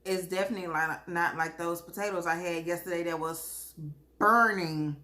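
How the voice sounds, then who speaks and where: A woman's voice: on the low side, normal speed. Woman chatting casually while eating fried chicken. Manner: eating and drinking while talking, with savoring hums; folksy, expressive, chuckles often. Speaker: mukbang vlogger.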